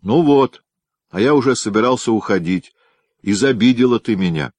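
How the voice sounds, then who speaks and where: A man's voice: mid-range voice, lively intonation, moderate pace, a little mellow, dry recording, studio quality, pitched above the performer's own voice, natural voice. A man voicing a proud, teasing young soldier in an audiobook, speaking in a boastful, joking manner. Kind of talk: audiobook character reading.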